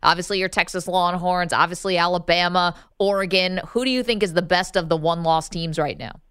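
Lady sports radio host, super clear smooth voice, dry studio sound. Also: on the low side, steady tone, a little fast, fairly bright tone, no echo. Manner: smooth, conversational, repeats "obviously".

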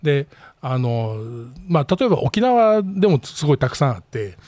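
A middle-aged man with a Kansai accent hosts a relaxed solo chat from his small office, rambling and self-deprecating, often chuckling. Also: on the high side, moderate pace, no echo. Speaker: podcast host.

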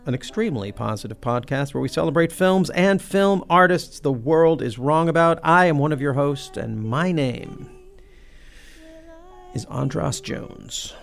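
A man co-hosting a film podcast, talking casually in a wry, drawn-out, sarcastic way. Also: a little high, lively intonation, vocal fry. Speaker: podcast co-host.

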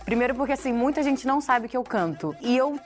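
A woman's voice: high-pitched, expressive, fast. A Brazilian woman chatting casually as a guest on a talk show. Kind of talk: casual chat. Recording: music under talk.

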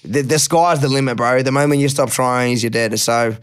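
An Australian man speaks in a steady, middle-pitched voice as a podcast guest. He talks openly and thoughtfully, drops the odd swear word, and stumbles over repeated words when a point hits home. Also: fairly quick, smooth. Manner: candid, reflective, swears casually, repeats words when emotional. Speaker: guest rapper. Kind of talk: casual podcast interview.

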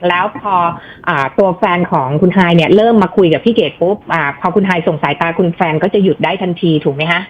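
A woman co-hosting a radio call-in show, chatting and giving relationship advice with soft fillers. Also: fairly low pitch, quick pace, few pauses, lo-fi sound, a little hiss or hum. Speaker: radio co-host.

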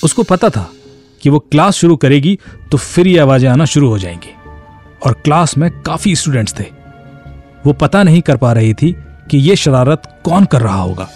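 A man's voice: on the high side, big pitch swings, moderate pace, darkish tone, faint music behind. A man narrating a scripted suspense story in a dramatic way.

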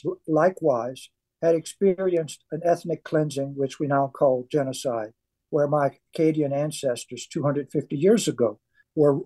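This older Cajun man from South Louisiana, an author and ex-weightlifter appearing as a radio guest, relates his story in an earnest, emphatic way. His pitch is fairly high, but the tone is dark and slightly rough.

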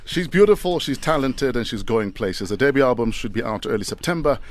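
Lively radio host man. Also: mid-range voice, a little fast, a loud crowd. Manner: playful, animated interviewer. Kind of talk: breakfast radio show chat.

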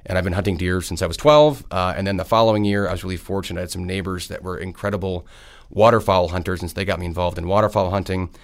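Speaking fast in a low voice, a state senator from Wisconsin in his 30s responds to interview questions. He comes across as friendly, wandering off on tangents and using lots of filler words.

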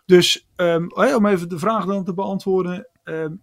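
A man's voice: sits high, steady tone, normal speed, vocal fry, no room sound, clean studio sound. Hesitant football pundit, man. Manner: hesitant, many fillers and restarts. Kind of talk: analytical sports chat.

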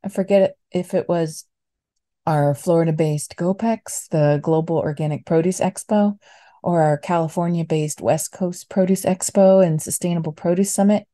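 A woman's voice: on the low side, steady tone, moderate pace, mellow. A woman reading a friendly scripted podcast introduction and announcements.

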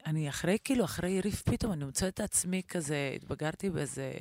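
A woman's voice: low voice, lively intonation, darkish tone, dry recording, studio quality. A woman singer, a guest on a radio show, talking playfully and expressively and often exclaiming. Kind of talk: casual radio interview. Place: radio studio.

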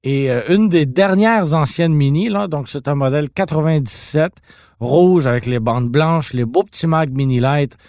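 A man with a Québécois French accent co-hosting a podcast, telling stories in a teasing, animated way. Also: a little high, moderate pace, no echo, studio quality. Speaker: podcast co-host. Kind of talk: casual podcast chat about car films.

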